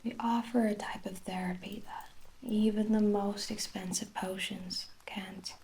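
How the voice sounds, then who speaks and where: A woman with an Irish accent in a soft whispered role-play, playing a gentle, attentive hair sorcerer with old-fashioned storybook phrasing. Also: mid-range voice, steady tone, measured pace, low-quality recording. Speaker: ASMR performer.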